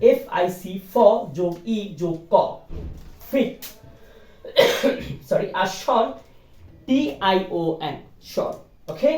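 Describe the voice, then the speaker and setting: A man gives a spoken English reading lesson, spelling words letter by letter, mixing Bengali with English phrases, often checking with "right?" and coughing now and then. His voice is extremely high-pitched with a darkish tone, recorded off-mic in a roomy space.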